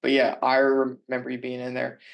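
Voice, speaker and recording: Boyish-voiced young man, even pitch. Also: fairly quick, creaky, muffled recording. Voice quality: boyish-sounding voice. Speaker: podcast host. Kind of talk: casual interview chat.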